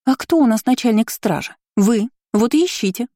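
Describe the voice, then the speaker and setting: A narrator voicing an indignant, haughty young female aristocrat in a loud, raised voice in an audiobook reading. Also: mid-range voice, animated, normal speed, no echo, studio quality, pitched above the performer's own voice.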